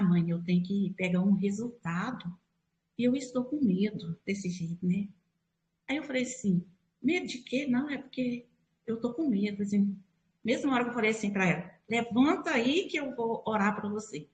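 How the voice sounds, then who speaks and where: A woman's voice: medium pitch, a little mellow. Woman telling a faith testimony, echoey. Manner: storytelling, acts out her quoted dialogue. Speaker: church member giving testimony. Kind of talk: spoken religious testimony.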